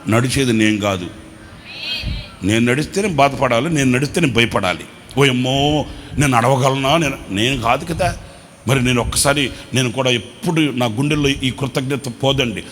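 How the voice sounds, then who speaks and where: Guy preaching, high bright voice, fired up, quizzing the crowd, long hall echo and a bit of noise. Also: normal speed. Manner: impassioned preaching, swinging between shouted refrains and hushed low asides; questions the congregation and calls for responses. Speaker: pastor. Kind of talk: sermon. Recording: reverberant hall with faint background noise.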